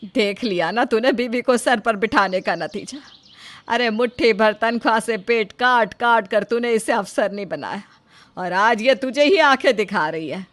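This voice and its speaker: A woman voicing a scolding, sharp-tongued older mother-in-law in an animated story. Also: fairly high pitch, moderate pace, close to an everyday voice. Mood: bitter. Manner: scolding, rustic speech.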